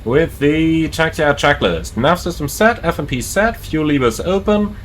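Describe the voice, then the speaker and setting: A man who flies as an airline pilot, speaking into a cockpit headset, running through checklists and reading back radio calls in crisp aviation phrasing while he flies a simulator. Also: on the high side, lively intonation, moderate pace, slight background noise.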